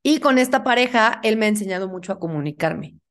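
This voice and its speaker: A woman's voice: medium pitch, quick pace. A young woman with a Mexican accent, chatting frankly and acting out quoted lines as a guest in a casual talk. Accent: Mexican Spanish. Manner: animated, acts out quoted dialogue, frank and slangy. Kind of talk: casual chat.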